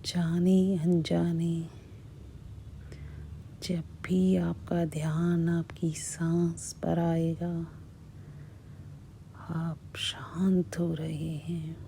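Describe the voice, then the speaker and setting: A woman speaks as a hypnotist, very slowly and in an even, low-key tone. Her breathy voice often sinks toward a whisper and repeats soothing suggestions with long pauses. A faint hiss sits behind her. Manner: hushed, repetitive, measured delivery with long pauses. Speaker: hypnotist guiding a relaxation session. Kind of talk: slow, soothing guided hypnosis.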